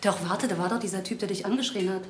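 A bubbly, affectionate young fiancée, played by a woman. She chimes in warmly and eagerly. The scene sounds roomy, with faint noise behind. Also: medium pitch, fast talker, close to an everyday voice. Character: doting, cheerful young fiancée. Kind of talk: TV crime drama acting. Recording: echoey TV soundtrack.

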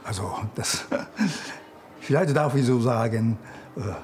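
Older man, slow and thoughtful. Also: medium pitch, a little hiss or hum. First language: Japanese. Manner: slow, thoughtful, with soft laughs. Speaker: interviewee.

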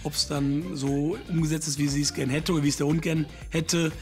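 A man's voice: fairly high pitch, flat delivery, a little fast, faint music behind. Hesitant male carpenter in his thirties. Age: 30s. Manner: hesitant with many fillers. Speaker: master carpenter. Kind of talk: casual interview.

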